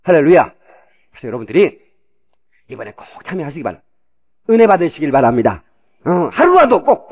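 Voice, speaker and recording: A male pastor, preaching a sermon in a church, animated and swinging from shouts to a hush, from an old cassette tape. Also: on the high side, highs cut off. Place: church sanctuary.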